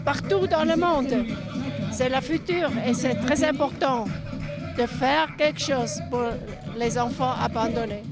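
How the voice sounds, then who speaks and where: High-voiced mature woman. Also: unhurried, over a noisy crowd. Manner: simple short phrases, non-native grammar. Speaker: interviewee, founder's wife. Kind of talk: informal on-location interview. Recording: loud music, outdoor urban sound behind.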